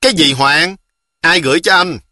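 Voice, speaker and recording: A man's voice: mid-range voice, moderate pace, pushed and bright, no echo, studio quality, lightly acted. A man as a cocky boastful village boy. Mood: breezy, teasing. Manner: teasing, breezy.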